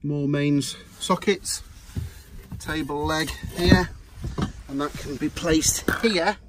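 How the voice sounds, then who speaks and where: In this phone-filmed walkaround video, a man tours a small camper van with chatty, upbeat sales talk. He speaks slowly with a fairly high pitch against a noisy background.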